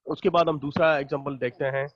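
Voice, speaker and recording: A man's voice: on the high side, fairly even intonation, fast, muffled recording, heavy background noise. A man teaching an online math class. He explains each step patiently, counts the items aloud and checks in with his students again and again.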